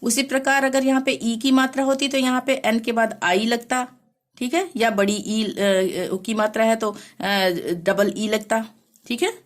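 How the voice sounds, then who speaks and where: A woman teaching a language lesson, explaining slowly and patiently, often pausing to check that the listener follows. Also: a little high, fairly even intonation. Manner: slow, repeats "theek hai" to check understanding. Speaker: Hindi teacher.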